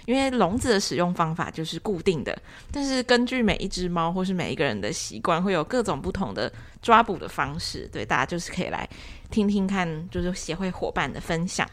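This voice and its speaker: Lively-pitched Taiwanese woman hosting. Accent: Taiwanese Mandarin. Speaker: podcast host. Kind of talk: casual podcast chat and announcements.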